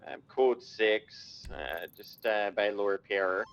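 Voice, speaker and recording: A man playing a police officer and speaking over a police radio, terse and full of codes with hesitant pauses. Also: on the low side, fairly bright tone, smooth. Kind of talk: roleplay radio chatter.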